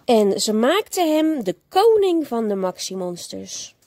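Slow, expressive woman reading a bedtime story. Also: on the high side. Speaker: teacher reading aloud.

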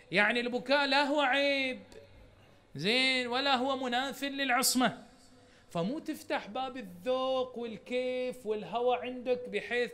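A man with a Bahraini Arabic accent delivers a religious lecture in a fairly high voice. He talks straight to the congregation and presses his points with one rhetorical question after another, in a firmly emphatic preaching manner. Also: bright, forceful tone. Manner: addresses the congregation directly. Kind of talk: Muharram sermon lecture.

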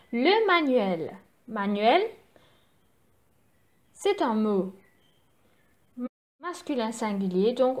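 A woman teacher giving a recorded grammar lesson for children, patiently spelling out letters and repeating each rule. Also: fairly high pitch. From Mauritius.

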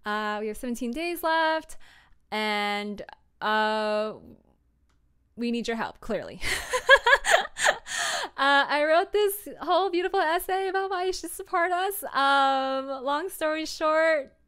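Her voice sits high with a fairly bright tone, animated yet slow, as this young adult woman chats casually on her livestream. A streamer and audio drama creator, she gives tips from a small room at home, informal, self-deprecating and full of giggles.

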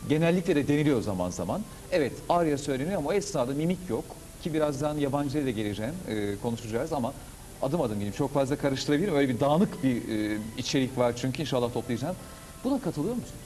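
Fast-talking mellow male TV host. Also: mid-range voice, lively intonation, faint music behind, poor audio. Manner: quick, rambling questions with frequent agreeing fillers. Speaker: TV show host. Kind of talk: studio TV interview. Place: TV studio. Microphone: lapel mic.

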